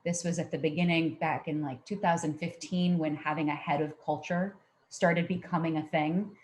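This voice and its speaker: A woman's voice: deep voice, steady tone, moderate pace, a little mellow, a little hiss or hum. A woman hosting a podcast and interviewing a guest in a friendly, conversational way. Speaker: podcast host.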